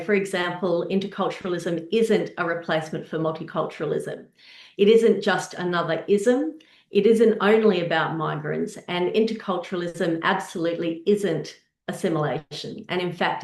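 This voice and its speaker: A woman's voice: on the low side, a little mellow. Earnest woman presenting, roomy echo. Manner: earnest, measured, posing rhetorical questions. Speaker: presenter on intercultural practice. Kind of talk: presentation with slides.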